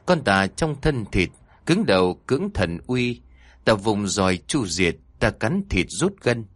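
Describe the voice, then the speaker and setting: A man voicing an elderly village exorcist, a stern grandfather who interrogates a spirit and chants incantations forcefully. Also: on the low side, very animated, slow, no room sound, exaggerated voice. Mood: chanting. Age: older.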